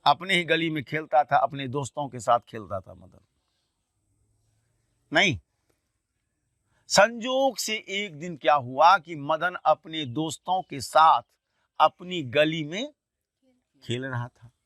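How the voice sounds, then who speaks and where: Guy teacher telling the story to his class, bright punchy voice, keeps asking questions then answering them himself. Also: fairly high pitch, lively intonation, slow pace, long pauses, no echo, studio quality. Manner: colloquial, storytelling explanation. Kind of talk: retelling a textbook story as a lesson.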